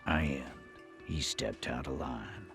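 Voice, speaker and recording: A man's voice: very deep voice, takes it slowly, fairly bright tone, slightly rough, full character voice. An actor playing a hostile, threatening male dockworker union boss in a video game. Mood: grim. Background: game music.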